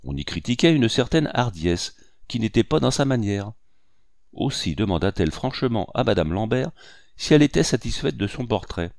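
A man giving a measured, even literary audiobook narration. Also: on the low side, gravelly, dry recording, studio quality.

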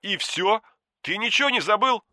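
A man's voice: high voice, animated, moderate pace, pushed and bright, no room sound, clean studio sound, voice pushed up, full character voice. Anton, a man doing a cocky young guy. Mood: offended. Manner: chatty, sly, easily offended. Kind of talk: audiobook character voice.

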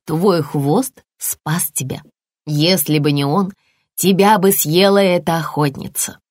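A woman voicing a calm, loving mother lizard in a storybook, speaking slowly and soothingly. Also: lowish voice, no echo, studio quality. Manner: soothing, slow and gentle.

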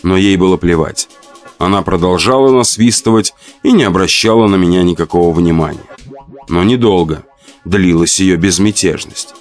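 A man reading a first-person horror story aloud, expressive and dramatic. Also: deep voice, normal speed, faint music behind. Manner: expressive, acts out shouts and laments. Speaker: audiobook narrator.

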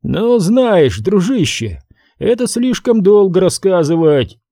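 A male reader puts on a chatty young medic in a hardboiled audiobook, his voice lifted high and bouncing with eagerness. He talks fast and friendly, in a dry, close studio sound. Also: very animated, no room sound, exaggerated voice. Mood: cheerful. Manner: bright, eager, talkative.

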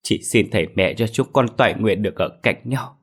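A man's voice: fairly low pitch, brisk, slightly rough. A man voicing a desperate young daughter who begs her father through tears. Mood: begging. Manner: begging, tearful.

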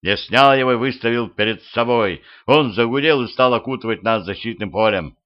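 A man narrating a first-person audiobook at an even storytelling pace. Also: medium pitch, brisk. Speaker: audiobook reader. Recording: dull lo-fi home recording.

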